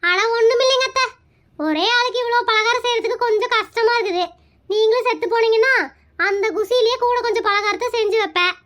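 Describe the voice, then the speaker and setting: A woman's voice: very high-pitched, fairly quick, a bit bright. A woman voicing a cheeky young daughter-in-law in a cartoon skit, teasing and sarcastic.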